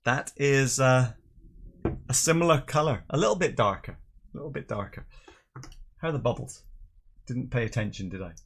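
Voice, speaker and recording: This middle-aged man speaks at normal speed in a medium pitch, pausing often. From Northern Ireland and England, he hosts a live tasting stream, chatting casually and jokily and reading viewers' comments aloud.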